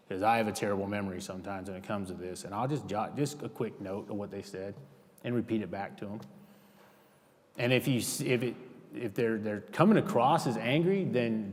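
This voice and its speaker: A man's voice: fairly low pitch, darkish tone. A man giving a casual, rambling safety training talk in a church, often restarting his sentences. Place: church hall. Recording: reverberant hall.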